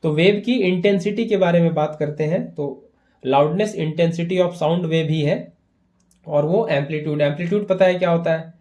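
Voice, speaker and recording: A man's voice: fairly high pitch, normal speed, a little mellow. A man teaching a physics lesson for exam prep, explaining step by step in Hindi mixed with English terms and checking in often with his students.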